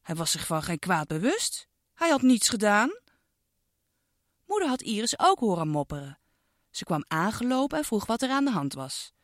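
A woman narrating a children's storybook with an expressive, sing-song delivery aimed at a child listener. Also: mid-range voice, normal speed, dry recording, clean studio sound.

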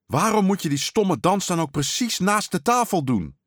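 A man doing a young storybook boy, lifted well above his own voice and swinging widely in pitch. The grumpy kid protests in a whiny, indignant tone. The sound is close and dry. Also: very animated, moderate pace, no echo. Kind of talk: storybook character voice.

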